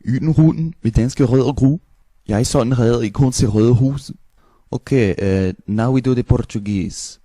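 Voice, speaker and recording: Mellow man speaking fake foreign-language gibberish. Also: mid-range voice, moderate pace, no echo. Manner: nonsense words in changing mimicked accents.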